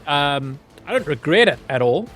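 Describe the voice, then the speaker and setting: A man's voice on the high side, with big pitch swings at normal speed and a fairly bright tone, belongs to a Zimbabwean game streamer. He is easygoing and chatty, laughs often and addresses his chat, with faint music in the background.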